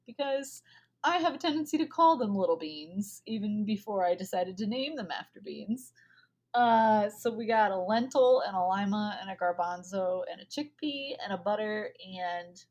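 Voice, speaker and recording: A woman's voice: mid-range voice, a little mellow. A young woman chatting casually on a podcast as a guest, laughing often and using lots of fillers.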